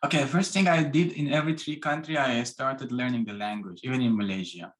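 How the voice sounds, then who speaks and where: A guest from Iran speaks in a relaxed, casual interview with a mid-range pitch. His speech is halting, full of restarts as he works through phrasing, and uses non-native grammar.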